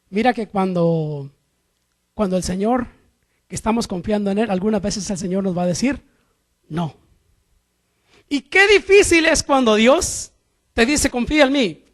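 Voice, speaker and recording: A middle-aged man preaching a sermon, asking the congregation questions and swinging between loud emphatic lines and quiet low asides.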